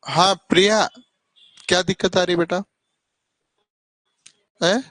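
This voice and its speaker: A man's voice: sits high, fairly even intonation, slow, a bit bright, no room sound. A man teaching maths to children in a classroom, coaxing and mildly scolding them as he works through problems. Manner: coaxing, mildly scolding, calls students "beta". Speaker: maths tutor.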